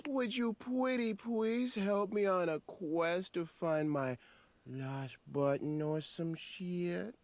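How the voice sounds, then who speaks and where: An actor playing a sarcastic game character who puts on mock adoration and feigned sweetness that turns snide. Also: male voice, sits high, slow, darkish tone. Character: sassy, sarcastic male rejection coach, mockingly sweet. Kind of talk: video game character acting.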